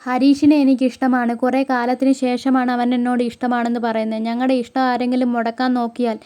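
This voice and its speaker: A woman's voice: a little high, flat delivery, fairly quick, dark tone, lightly acted. A woman reading the lines of a defiant young woman in love, firm and matter-of-fact.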